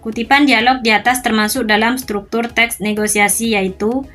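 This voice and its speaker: A woman reading school exam questions and their answers aloud in a steady, methodical way. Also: on the high side, moderate pace, soft background music.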